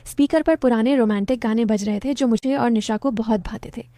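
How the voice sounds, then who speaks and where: A woman narrating a romantic family story in the first person, calm and even. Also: on the high side, fairly quick, dry recording.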